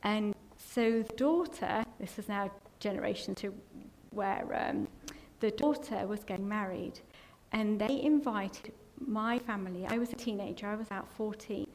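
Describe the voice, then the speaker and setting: A woman's voice: mid-range voice, normal speed, few pauses, a little mellow. English woman sharing a tearful testimony. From England. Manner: emotional, tearful at times, rambling storytelling. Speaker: church member giving testimony. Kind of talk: personal testimony. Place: church hall. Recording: long hall reverb, faint background noise.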